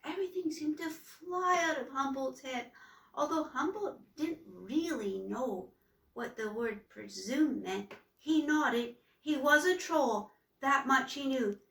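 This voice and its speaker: A woman reading a children's book aloud to listeners, gentle and unhurried, recorded far from the mic in a roomy space. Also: high-pitched, vocal fry. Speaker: storyteller.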